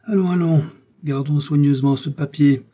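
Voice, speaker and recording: A man voicing an excitable young swordsman in a storybook reading, talking with urgency. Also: a little high, normal speed, voice pushed up, close to an everyday voice. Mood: eager. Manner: urgent, exclaiming.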